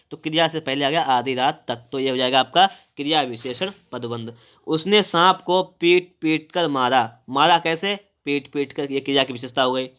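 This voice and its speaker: A man with a slightly raised pitch runs an exam-prep grammar lesson. He reads out rules, then breaks each one down by asking a question and answering it himself. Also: a bit bright. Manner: explains step by step, asks and answers his own questions. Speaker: Hindi grammar teacher.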